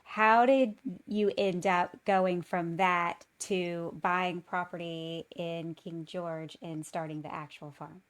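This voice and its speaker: A woman hosting a podcast interview, warmly enthusiastic and affirming toward her guests. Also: on the low side, steady tone, slow pace, hardly any pauses, clean tone. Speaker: podcast host.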